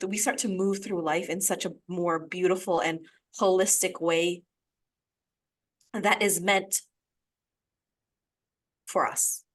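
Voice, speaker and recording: A woman's voice: lowish voice, fairly bright tone. Enthusiastic woman podcast host. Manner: enthusiastic, affirming. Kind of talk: conversational interview.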